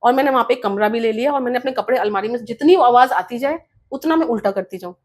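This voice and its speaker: A woman's voice: on the high side, quick pace. A woman guest telling a personal story in an interview, earnest, often mixing English words into her speech. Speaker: guest author.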